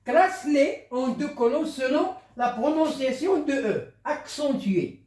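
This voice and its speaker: A teacher explaining a French spelling lesson, slow, repetitive and patient. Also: high voice, expressive, a little mellow. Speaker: primary school teacher. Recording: roomy, distant from the mic.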